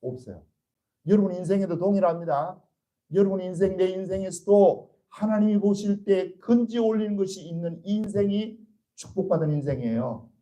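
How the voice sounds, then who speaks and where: A man's voice: sits high, moderate pace, warm tone, rough recording. A pastor preaching a sermon to his congregation, urging and earnest, asking rhetorical questions and answering them himself.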